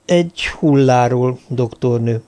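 A man voicing a guarded, gruff male police lieutenant in an audiobook, speaking tersely and grumbling. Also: mid-range voice, dark tone, close to an everyday voice. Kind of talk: audiobook character voice.

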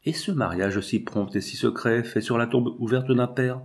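A man's voice: mid-range voice, normal speed, lightly acted. Grieving old lawyer, read by a man. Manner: impassioned, lamenting. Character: grieving older male lawyer, effusive and tender.

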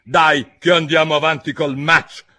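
A man voicing a furious, bossy queen who shrieks and yells at everyone in a storybook reading. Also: fairly high pitch, little pitch movement, a little slow, voice pushed up, full character voice. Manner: shrieking, stamping rage. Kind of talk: audiobook character voice.

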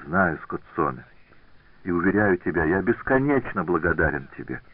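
A man voicing a proud, quick-tempered male artist in an audiobook, speaking curtly and dryly. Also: deep voice, sing-song, slightly rough, no room sound, exaggerated voice. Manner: curt, dry, mocking. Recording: tinny phone-like dry recording.

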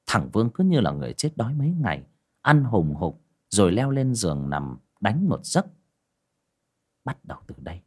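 A man narrating a horror story in an expressive, dramatic way. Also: lowish voice, slightly rough.

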